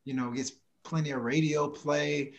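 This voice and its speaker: A man's voice: on the high side, steady tone, normal speed, vocal fry, lo-fi sound. A man co-hosting a podcast, asking questions in a casual, thoughtful way. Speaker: podcast co-host.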